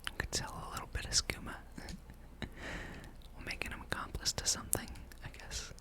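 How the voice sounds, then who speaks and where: Speaking in nothing but a gentle, voiceless whisper, an ASMR gaming host rambles casually over their gameplay. The pace is slow and easy, and the mic is very close.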